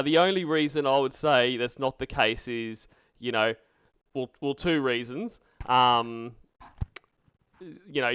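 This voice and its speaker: A man with a medium-pitched, sharp, clean voice hosts a livestream, reacting to recorded calls with casual, sarcastic, mocking and profane commentary. His voice is dry, though the stream audio itself sounds dull and lo-fi.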